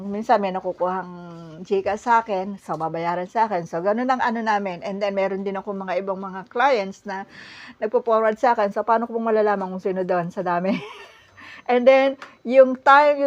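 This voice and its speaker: A middle-aged woman from the Philippines telling a personal story in a casual vlog. She talks in an animated way, often breaks into laughter, and restarts her sentences with many fillers. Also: on the high side, highs cut off. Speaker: vlogger.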